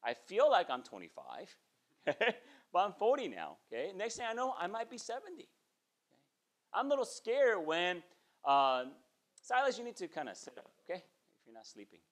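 A pastor in his forties, a man with a high voice, preaches at a moderate pace inside a small church sanctuary. His sermon is conversational, with animated gestures and frequent "okay?" check-ins.

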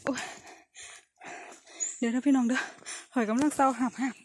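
A woman with an Isan accent chatting breathlessly to her viewers while foraging outdoors, full of excited exclamations. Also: sits high, normal speed. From Northeast Thailand. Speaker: vlogger. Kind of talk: casual vlog narration. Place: outdoors on a forested hillside. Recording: outdoor recording with heavy background noise.

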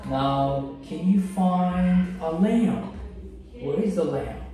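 Slow, patient male teacher, echoey room. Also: a little high, dark tone. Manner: slow, patient prompting, models words to repeat. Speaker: English teacher. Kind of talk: oral English test with a young learner. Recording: echoey room, mic far off, faint noise.

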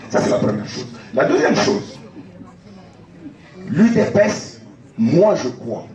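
Here a man from the Democratic Republic of the Congo, a candidate for party president, gives argumentative debate answers full of rhetorical questions and repeated key points from an outdoor tent stage. His mid-range voice is a little mellow. It was captured on a phone in the audience, so the sound is echoey and distant.

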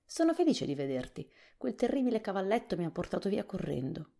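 A woman reading a storybook softly, voicing an anxious, childlike pumpkin-headed man. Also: mid-range voice, very animated, brisk, vocal fry, pitched above the performer's own voice. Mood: fretful. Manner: fretful, plaintive.

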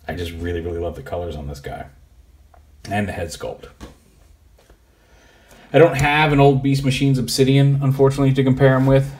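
A man giving a relaxed, rambling hands-on toy review, thinking aloud as he poses the figure. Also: medium pitch, a little fast, long pauses. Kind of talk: casual hands-on product review.

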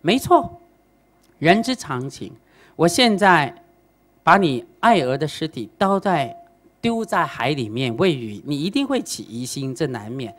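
A woman voicing a calm, wise old male Zen master who explains things patiently, with a playful, teasing edge. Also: low-pitched, unhurried, full character voice.

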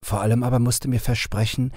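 A man's voice: medium pitch, fairly even intonation, quick pace, a little mellow, no room sound, studio quality, pitched above the performer's own voice, close to an everyday voice. A man voicing a young male captive prince who pleads earnestly for help, in an audiobook reading. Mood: earnest pleading.

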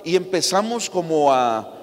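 A man's voice: a little high, very animated, a little slow. A man preaching a sermon, firing rhetorical questions at his congregation. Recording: long reverb of a church hall.

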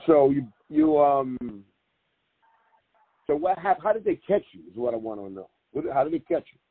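A man's voice: on the high side, huge pitch swings, moderate pace, vocal fry. A man interviewing casually, asking direct questions in colloquial talk. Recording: tinny phone line.

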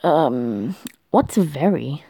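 Slow, animated woman thinking aloud. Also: low voice, breathy edge. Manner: chatty, talks to herself, laughs often. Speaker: vlogger. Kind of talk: casual thinking aloud while doing a language quiz.

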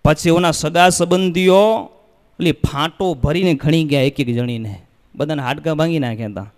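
A man with a Gujarati accent from Kutch, preaching as he tells a religious story in a temple hall, lively and acting out the voices and cries in the tale. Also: fairly high pitch, moderate pace, smooth. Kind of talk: storytelling sermon. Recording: long hall reverb.

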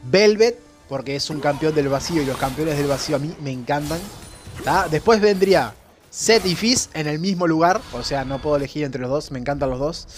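Young male streamer, Rioplatense accent, rather high voice, hyped and slangy commentary over faint music. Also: brisk. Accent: Rioplatense Spanish. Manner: excitable, slangy, repeats himself. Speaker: gaming streamer. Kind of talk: live gameplay commentary.

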